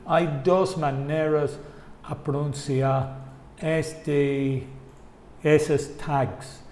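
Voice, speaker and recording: A man's voice: a little high, reverberant. A man whose first language is English, teaching an online English lesson in Spanish and repeating example phrases to show rising and falling intonation.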